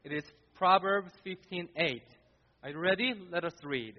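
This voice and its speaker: Male pastor, high voice, earnest sermon delivery to the congregation; reverberant hall. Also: moderate pace, muffled recording. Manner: earnest, addresses congregation directly. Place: church sanctuary.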